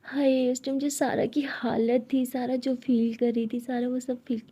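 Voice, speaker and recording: A woman narrating a love story in a plain, steady storytelling manner. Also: high-pitched, measured pace, breathy edge.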